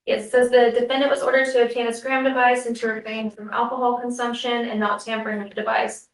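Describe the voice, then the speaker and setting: A woman's voice: a little high, little pitch movement, far from the mic. Woman testifying in a roomy courtroom recording. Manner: measured, reads from a report. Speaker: witness, monitoring officer.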